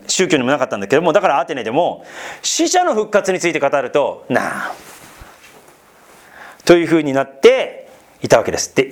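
A man preaching an expository Bible sermon, talking to his listeners with questions and asides. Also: fairly high pitch. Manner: lively, rising and falling delivery with asides to listeners. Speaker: pastor.

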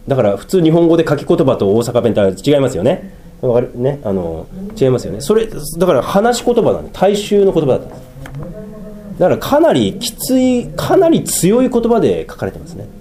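Animated Japanese pastor with a mellow voice. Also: male voice, on the high side. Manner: animated, swings between slow emphatic phrases and quick asides, laughs at himself. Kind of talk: sermon.

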